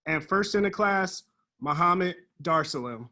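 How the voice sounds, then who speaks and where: A man reads out the class rankings at a graduation, one name at a time. He speaks very slowly, and his voice is bright and slightly high. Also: lively intonation. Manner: slow, measured announcing. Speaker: assistant principal. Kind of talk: reading out honors.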